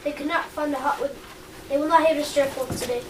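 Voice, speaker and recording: A woman plays a dutiful, deferential Roman servant who speaks high and quick. The voice comes from afar, echoing over noise. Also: fairly even intonation, natural voice. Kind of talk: amateur stage acting. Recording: echoey room, distant mic, noise.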